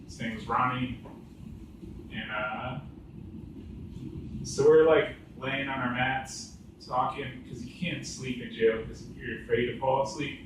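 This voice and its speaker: A man's voice: medium pitch, steady tone, a little slow, pauses often, recorded from a distance, background noise. A man doing stand-up at an open mic, telling a story in a rambling way full of "like"s. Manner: rambling, filler-heavy storytelling with many "like"s. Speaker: stand-up comedian. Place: echoing open mic venue. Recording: very echoey room recorded from afar, faint ambience.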